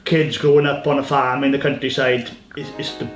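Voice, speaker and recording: This casual interview features a beekeeper from Wales, a man in his thirties, speaking at a fairly quick pace in a medium-pitched voice over background music. He stays relaxed and repeats words as he talks. He's filmed in a farm kitchen and at a woodland hive site.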